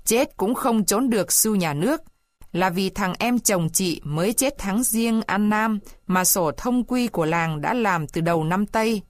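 A woman's voice: medium pitch, no room sound, clean studio sound, lightly acted. A woman reading a pompous male village clerk. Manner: declaiming, officious. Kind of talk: storybook reading.

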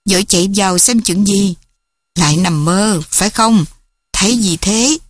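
A woman voicing a gentle middle-aged mother who speaks softly and soothingly to her daughter. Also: mid-range voice, moderate pace, no echo, natural voice. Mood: worried. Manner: soft, soothing.

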